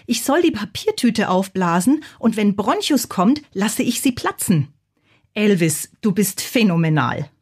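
A woman reading a storybook aloud, voicing a young vampire girl who is excitable and scheming. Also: medium pitch, measured pace, husky. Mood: eager. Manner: excitable, exclaiming.

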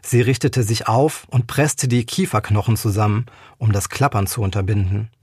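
A man, an author, reading his own crime novel aloud in a measured, expressive way. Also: on the low side, breathy edge, no room sound, clean studio sound.

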